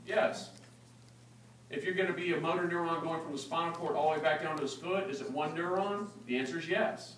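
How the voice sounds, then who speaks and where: A man teaches a class in a relaxed, joking manner and keeps checking that students follow. His voice sits a little high. He is recorded from a distance in a reverberant lecture hall with a faint background hiss. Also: brisk. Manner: casual and joking, keeps checking understanding with "okay?". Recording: echoey room recorded from afar.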